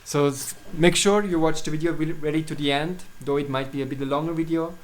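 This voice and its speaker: In English, a Swiss man whose native tongue is German chats alone on video about his astrology work in a casual way. His voice runs on the high side with fairly even intonation, and he halts frequently with fillers and restarts.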